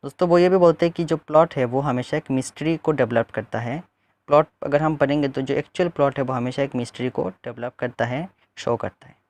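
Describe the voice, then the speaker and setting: A man walks his viewers through a book as a literature lesson. He calls them friends, restates each point and fills gaps with hesitant sounds, at a middling pitch. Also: brisk, darkish tone. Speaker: literature teacher.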